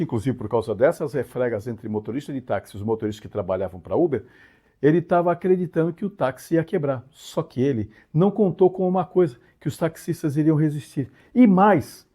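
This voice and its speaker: A man's voice: fairly high pitch, warm tone, slightly rough. A man from Brazil hosting his own channel, explaining a story in a casual monologue with frequent tag questions and emphatic swings. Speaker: channel host.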